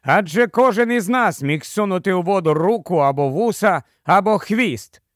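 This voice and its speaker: A man's voice: sits high, animated, moderate pace, a bit bright, no room sound, studio quality. A man reading the part of a small, brave talking mouse knight in a storybook, speaking gallantly and eagerly.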